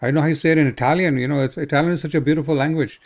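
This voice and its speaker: A man's voice: fairly high pitch, steady tone, rapid-fire. A man ministering in prayer, fervent and exhorting, often tagging his sentences with "right?".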